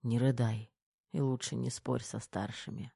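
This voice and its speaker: Male narrator voicing a wounded, grumpy young major in an audiobook: hushed, low, dark whisper. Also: moderate pace, no room sound, clean studio sound, close to an everyday voice. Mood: weak whispering. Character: wounded young army major, gruff, tender.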